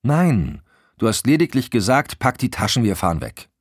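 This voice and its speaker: A man's voice: mid-range voice, expressive, normal speed, breathy edge, dry recording, clean studio sound, pitched above the performer's own voice. A man voicing a tired young mother who questions her husband in an irritated, insistent way. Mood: exasperated.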